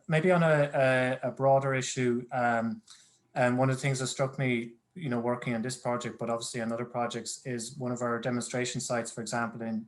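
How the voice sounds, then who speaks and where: A man moderating a conference panel over a video call, musing aloud and restarting his sentences as he frames a question. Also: mid-range voice. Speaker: panel moderator, project member.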